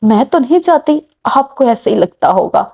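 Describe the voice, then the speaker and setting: Flustered bold young woman in an audio novel, read by a woman, high voice, muffled sound. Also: expressive, normal speed, creaky. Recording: muffled lo-fi recording.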